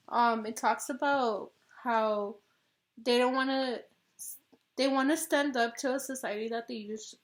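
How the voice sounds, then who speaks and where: Young woman chatting in a fan q&a, talks real slow, kinda high voice, giggly and trails off. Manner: giggly and unhurried, trailing off mid-sentence. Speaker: channel co-host. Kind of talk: casual fan Q&A chat.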